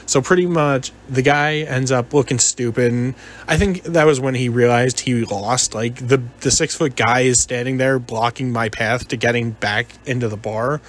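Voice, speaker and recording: A man's voice: mid-range voice, moderate pace. A man telling a personal story in a casual, rambling, conversational way, often hesitating and repeating himself. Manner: hesitant, repetitive, conversational, quotes dialogue. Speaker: gaming video narrator telling a personal story.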